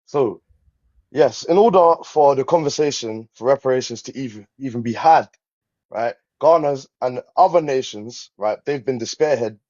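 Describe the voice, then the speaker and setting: A man's voice: mid-range voice, darkish tone, muffled recording. A man making a blunt, emphatic case in a live online debate. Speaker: caller. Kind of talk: heated live-stream debate.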